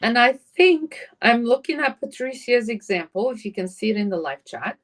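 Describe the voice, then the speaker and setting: A woman's voice: a little high, expressive, slow pace. A woman teaching a live online Arabic class, explaining grammar patiently and switching between English and Arabic. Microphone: computer mic on a live stream.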